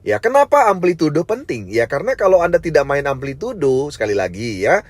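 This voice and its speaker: A man teaching a sales training session, deliberately swinging between high and low pitch and fast and slow speech, often adding a tag word at the end of sentences. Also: sing-song, dry recording. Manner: varies pitch and pace on purpose, frequent tag "ya"; addresses listeners as "sahabat sekalian". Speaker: network marketing trainer. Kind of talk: online training lecture.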